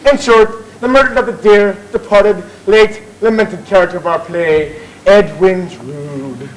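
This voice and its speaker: A man's voice: high-pitched, a little slow, crowd noise. An actor playing a bossy, theatrical Victorian music hall chairman, declaiming and bantering with the audience on stage. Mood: pompous, jovial. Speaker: master of ceremonies. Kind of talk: comic stage musical narration. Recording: noisy live theatre audience recording.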